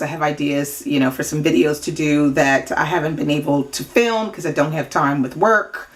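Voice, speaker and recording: Chatty woman book vlogger. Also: lowish voice. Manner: chatty, with many asides and fillers. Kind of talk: casual chat to camera.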